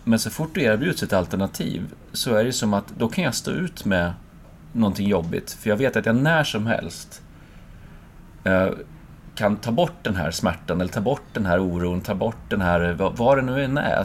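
A man, a speaker who gives lectures, reflecting aloud in a relaxed conversation, searching for words and acting out his own inner voice. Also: on the low side, a little hiss or hum.

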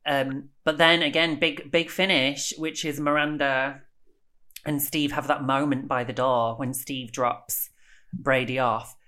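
A woman's voice: very deep voice, steady tone, a little slow, pushed and bright. A woman, a podcast co-host, chatting in a wry way and acting out quotes. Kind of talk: casual chat.

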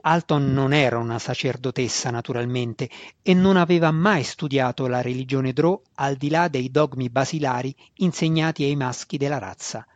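A man's voice: medium pitch, moderate pace, few pauses, dry recording. Man narrating a fantasy audiobook. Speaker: audiobook reader. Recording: dull, dry sound.

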